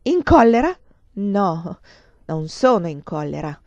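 A woman voicing a desperate, furious man, a ruined lover turned thief, shouting bitter accusations. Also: lowish voice, big pitch swings, slow pace, no echo, exaggerated voice. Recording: dull lo-fi dry recording.

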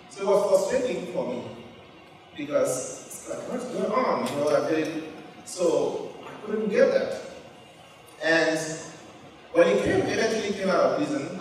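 A middle-aged man from Cameroon giving a storytelling keynote speech to students on an auditorium stage, holding a handheld mic. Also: on the high side. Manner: storytelling, animated gestures. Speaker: keynote speaker. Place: large wood-panelled auditorium stage. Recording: echoey hall, picked up from far.

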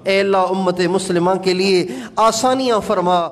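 A man's voice: sits high, normal speed. A male Islamic preacher with a Pakistani Urdu accent, leading a pleading, repetitive supplication at the end of a sermon.

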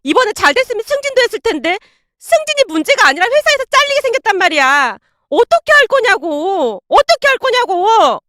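Lady doing a young woman yelling and crying at her mom, dry close mic. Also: extremely high pitch, sing-song, a little fast, no echo, voice pushed up, heavily acted. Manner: wailing, yelling. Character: young woman, furious sobbing daughter.

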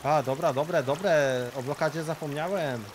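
A young man playing a co-op game with a friend, bantering playfully and calling out with quick exclamations. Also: a little high, noisy background. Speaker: co-op game partner. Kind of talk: casual gameplay banter.

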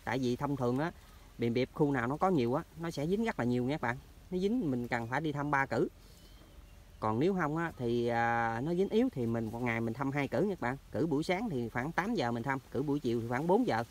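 A hunting vlogger with a Mekong Delta Vietnamese accent talks casually to his viewers as he walks past rural orchards and canal banks. His mid-range voice is expressive and brisk, and he keeps chatting to the audience as if they were friends.

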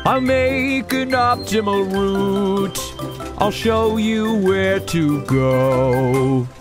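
A woman's voice: mid-range voice, drawn-out words, music in the background. A woman voicing a confident, helpful talking navigator gadget giving instructions in a children's cartoon. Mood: proud, helpful.

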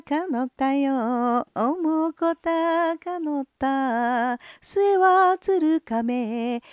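A ghostly skull that a woman storyteller voices whispers low and then sings his lines slowly, each word stretched long. The dry, close sound keeps every breath near. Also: a little mellow, no room sound. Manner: eerie whispering, drawn-out singing. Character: singing skull of a murdered male merchant.

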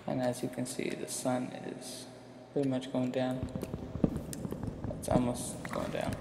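A man's voice: medium pitch, monotone, a little slow, vocal fry, very noisy. A young man giving rambling, informal gameplay commentary as a YouTuber, with a slight speech impediment from wearing a retainer. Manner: rambling, informal, self-deprecating. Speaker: gaming YouTuber. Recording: roomy, echoing sound with music behind. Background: music.

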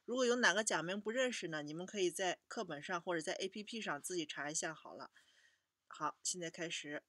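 A woman teaching a children's language lesson, patiently repeating each word slowly for young learners. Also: on the low side, pushed and bright, no room sound, clean studio sound.

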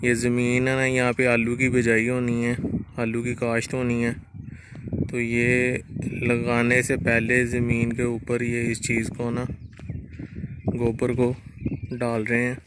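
Out in a farm field, a man with a Pakistani Punjabi accent narrates his casual vlog and talks with a farmer in a chatty, friendly, questioning way. He speaks slowly and monotonously at a medium pitch, and background noise can be heard.

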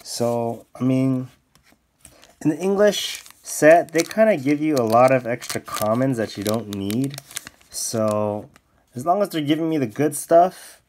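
Male YouTuber, unhurried casual unboxing chat, yelps when thrilled. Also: slight background noise. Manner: excitable, bursts into high exclamations. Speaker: card-opening YouTuber. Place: indoors at a desk, off camera.

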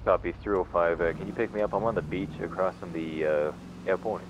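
Low-voiced man over a muffled police radio. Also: a little fast. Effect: heard over a police radio. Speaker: roleplay police officer. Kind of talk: casual radio call in a roleplay game. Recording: muffled, distant radio transmission with noise.

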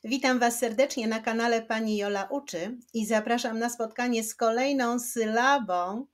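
A woman teacher giving a children's reading lesson, slowly clapping out words syllable by syllable. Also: on the high side. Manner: slow, clapping out syllables one by one.

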